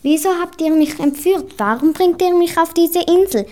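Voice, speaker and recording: A woman voicing a spirited young princess who has been kidnapped, speaking a little higher. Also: moderate pace, warm tone. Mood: defiant.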